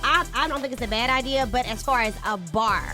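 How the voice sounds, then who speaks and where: A woman's voice: fairly high pitch, brisk, sharp tone, faint music behind. A woman co-hosting a radio podcast, emphatic and colloquial as she tells stories. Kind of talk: casual banter.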